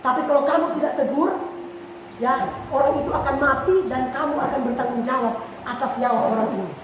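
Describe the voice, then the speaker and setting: A woman pastor preaching a sermon with passion, swinging from soft pleading to shouted warnings. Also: high-pitched, steady tone, a little fast. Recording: echoey hall, mic far off, noisy.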